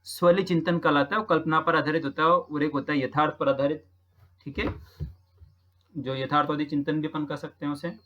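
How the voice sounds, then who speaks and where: A man's voice: fairly high pitch, flat delivery, a little fast, fairly bright tone, lo-fi sound. A man from Rajasthan who teaches, patiently talking through practice exam questions and repeating each answer with frequent check-ins. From Rajasthan, India.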